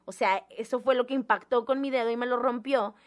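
A young woman with a high voice tells a personal story in casual chat. She talks in an animated, theatrical way and acts out the voices of the people in her story. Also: brisk. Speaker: guest telling a personal story.

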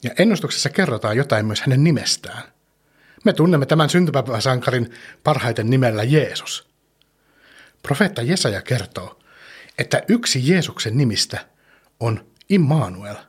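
Man, husky, gentle children's storyteller, asks the listener questions. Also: medium pitch, expressive. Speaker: children's podcast host.

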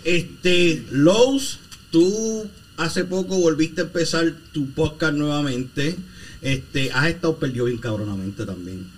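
Lively high-voiced man joking. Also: slow pace, distant mic, poor audio. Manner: joking, tells stories laughing. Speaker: podcast host. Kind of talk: casual group chat. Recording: loud background noise.

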